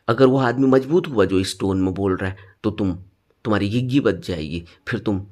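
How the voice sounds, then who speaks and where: A man teaching meditation in a spoken dharma talk, stressing points with sudden rises and then dropping low. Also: a little mellow, husky.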